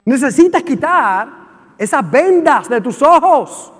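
Male Puerto Rican pastor, 50s, fervent sermon delivery, very high pitch, long hall reverb. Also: very animated, takes it slowly. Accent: Puerto Rican Spanish. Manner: impassioned preaching, shouting at peaks. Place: church sanctuary.

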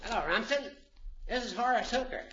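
An actor playing a wily, teasing old judge in 1950s radio comedy, smooth-talking and mock-solemn. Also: male voice, very high-pitched, a little fast, a crowd in the background. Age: older. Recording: dull, noisy 1950s radio recording.

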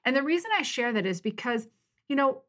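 Hosting her own podcast, a middle-aged woman with a high, slightly quick voice tells a personal story in a casual solo monologue. She is warm and encouraging, bringing quoted voices to life as she narrates.

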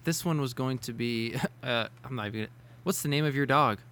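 A man hosts a casual quiz among friends in a gaming chat, rambling, restarting and laughing often. His mid-range voice is brisk with a fairly bright tone.

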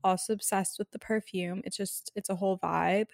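A woman's voice: mid-range voice, fairly even intonation, moderate pace, gravelly, dry recording, clean studio sound. A woman hosting a casual solo podcast from her bed, chatting informally with girly slang. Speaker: podcast host. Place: on a bed indoors.

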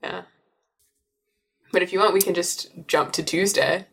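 Low-voiced woman narrating a tabletop game. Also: a little slow, vocal fry. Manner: relaxed, descriptive, with fillers. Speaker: game master.

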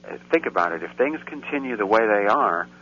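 A guest commentator on a casual radio show in Central Europe rambles and grows heated and indignant. His lowish voice is expressive, bright and forceful, a little fast, on a dull recording with faint hiss.

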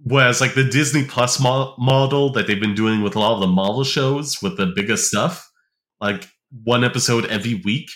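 A man co-hosting a podcast, chatting casually with lots of fillers and quick rambling bursts. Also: mid-range voice, fairly bright tone. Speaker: podcast co-host. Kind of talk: casual chat.

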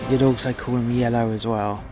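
A man's voice: mid-range voice, level tone, fairly quick, lightly acted. A man playing a gung-ho, foul-mouthed starship captain in an audio drama, commanding his crew informally and recklessly. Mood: cocky, explaining. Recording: loud music behind the voice. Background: music.

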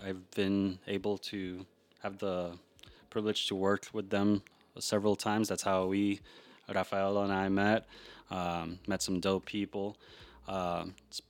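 A man hosts a casual podcast chat, his voice sitting low and recorded dry with no room sound. He talks in a loose, rambling way, circling back and restarting his sentences as he explains an idea. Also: no echo. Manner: relaxed, rambling, with frequent restarts. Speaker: podcast host.

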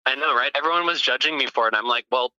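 A man's voice: mid-range voice, fast, pushed and bright, no room sound. Giggly young man on a speakerphone. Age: early 20s. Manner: giggly, chuckles between short replies. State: just woken up. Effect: heard over a phone speaker. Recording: thin, muffled speakerphone audio.

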